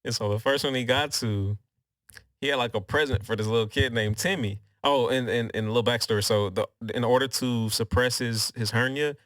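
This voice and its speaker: A man chatting on a podcast, telling stories in a loose, slangy way and breaking into laughter often. His voice is mid-pitched and sits dry and close, with no room around it. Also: a little fast, dry recording. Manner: animated storytelling, slangy, laughs a lot. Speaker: podcast co-host. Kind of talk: casual chat.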